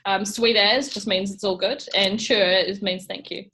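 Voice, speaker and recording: A woman's voice: medium pitch, fairly even intonation, normal speed, bright, forceful tone. A woman from New Zealand with a broad Kiwi accent, chatting casually as a guest contestant in a word game.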